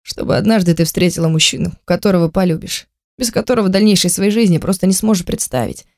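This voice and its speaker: A reader voicing a furious young man in an audiobook, speaking in cold, deliberate, cutting phrases. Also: medium pitch, darkish tone, no room sound, studio quality, close to an everyday voice. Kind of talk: audiobook character voice.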